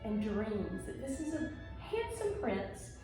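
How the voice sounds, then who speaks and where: Over music, a woman with a fairly high, sing-song voice teaches dance slowly on video from an indoor room at home. She breaks the moves down step by step in plain terms and cheers her pupils on, and the room is very echoey.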